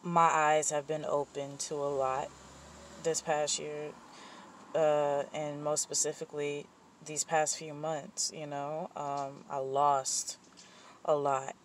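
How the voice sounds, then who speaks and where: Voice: mid-range voice, flat delivery, slow, slight background noise. Candid, rambling vlogger venting. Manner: candid and rambling, with frequent fillers and self-corrections; blunt and profane when heated. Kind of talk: personal vent session, casual monologue.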